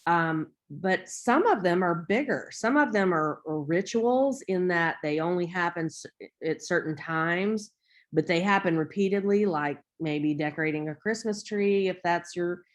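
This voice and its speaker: Low-voiced American woman lecturing, rambling asides. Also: measured pace. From United States. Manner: rambling, self-interrupting, conversational asides. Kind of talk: informal online lecture.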